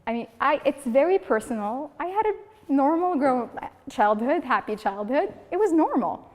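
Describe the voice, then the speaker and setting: High-pitched and moderately paced, a Moroccan woman in her 30s delivers a comic prepared speech at a speaking club. She narrates with energy and takes on the voices of people in her tales. The meeting room echoes with a long hall reverb.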